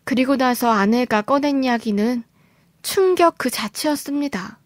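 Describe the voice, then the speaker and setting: A woman's voice: high voice, animated, moderate pace, no room sound. A woman narrating a first-person story for a story-radio show as a scripted, dramatic reading.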